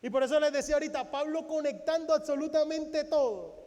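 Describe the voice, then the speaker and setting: High-voiced man preaching in a reverberant hall. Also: fairly quick, dark tone. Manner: preaches with rhetorical questions and acts out biblical dialogue. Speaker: pastor. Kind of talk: Sunday sermon. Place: church sanctuary.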